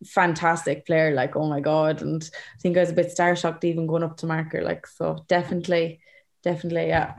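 An Irish woman being interviewed as a sports player, chatting casually and leaning on "like" and "you know". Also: fairly low pitch.

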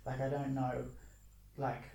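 A man's voice: mid-range voice, monotone, unhurried, gravelly, warm tone, echoey room, rough recording. A man hosting a casual podcast chat, rambling with lots of fillers. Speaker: podcast host.

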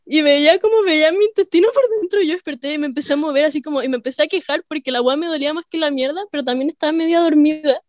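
A woman's voice: sits high, very fast, few pauses, no echo, clean studio sound. A young woman with a Chilean accent telling stories in a slangy, laughing casual chat.

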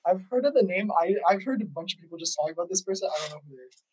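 Husky-voiced playful young man. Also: high-pitched, animated, racing, darkish tone, rough recording. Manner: playful, laughs often, mock-innocent. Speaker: podcast co-host. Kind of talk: casual podcast chat.

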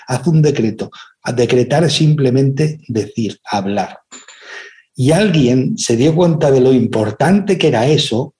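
A man with a somewhat high yet mellow voice delivers an inspirational lecture. He keeps asking his listeners rhetorical questions and briefly acts out the voices in his stories. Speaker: speaker giving a talk.

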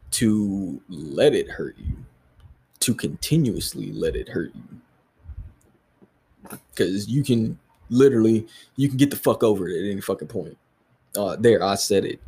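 Husky, blunt man ranting on a podcast. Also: lowish voice, mellow. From United States. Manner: profane, blunt, ranting with laughs. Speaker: podcast host. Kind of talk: solo podcast rant.

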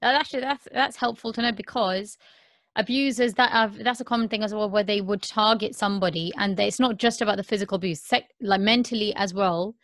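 A woman's voice: mid-range voice, a little fast, fairly bright tone, dry recording. Earnest woman in her thirties, dry sound. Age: 30s. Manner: earnest, repeats herself, many "um"s. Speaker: podcast host. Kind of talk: candid podcast conversation.

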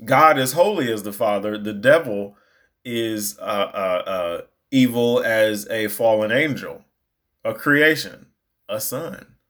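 A young adult man telling a personal story in a casual, animated way, rambling and restarting his sentences as he goes. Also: on the low side, slow pace. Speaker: storyteller recounting a movie outing.

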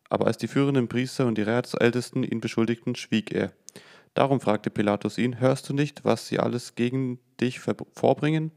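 Male scripture reader, gravelly, steady plain delivery. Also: medium pitch. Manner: steady plain reading with occasional self-corrections. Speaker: Bible reader. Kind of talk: reading scripture aloud.

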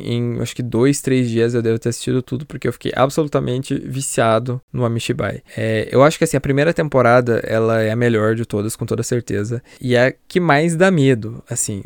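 A Brazilian man chatting on a podcast, retelling horror anime episodes with lively storytelling. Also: mid-range voice, vocal fry, clean tone, no room sound, studio quality. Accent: Brazilian Portuguese. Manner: animated storytelling, acts out scenes with laughs. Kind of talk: casual chat reviewing an anime.

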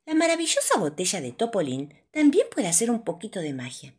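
A woman reading a children's storybook aloud in a playful, animated way. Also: mid-range voice, fairly quick, husky. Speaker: storybook narrator.

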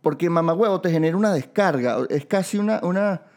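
A man's voice: high-pitched, quick pace, darkish tone. A Venezuelan man hosting a podcast, chatting casually and joking with his guest. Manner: playful, joking. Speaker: podcast host. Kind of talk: casual chat.

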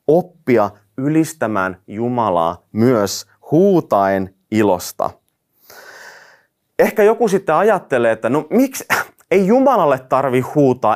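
A male preacher teaching in a lively, animated way, his pitch rising and falling a lot. He reads verses aloud and slips in dry jokes between points. He speaks with a mid-range voice. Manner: lively, joking asides, reads scripture aloud. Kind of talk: sermon teaching.

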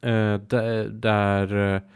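A man's voice: fairly low pitch, level tone, smooth. A man co-hosting a podcast, chatting casually, teasing and giggly, candid about awkward topics. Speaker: podcast co-host. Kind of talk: casual chat.

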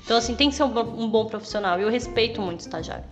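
A woman's voice: fairly high pitch, expressive, racing, muffled recording, soft background music. A young woman veterinarian in casual chat, emphatic and outspoken, swearing freely. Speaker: veterinarian guest.

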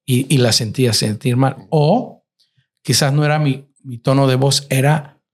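A middle-aged man, a father and husband appearing as a guest, tells his grown child a reflective story about his marriage in a casual family conversation. His mid-range voice is steady, a little slow and darkish, and he slips English words into his speech.

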